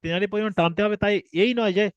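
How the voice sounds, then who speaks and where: A man's voice: high-pitched, fairly even intonation, racing, clear, resonant tone, dry recording, highs cut off. A man teaching an online class on the shapes and pronunciation of the alphabet, explaining patiently and repeating himself with rhetorical questions. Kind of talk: online recorded class lesson.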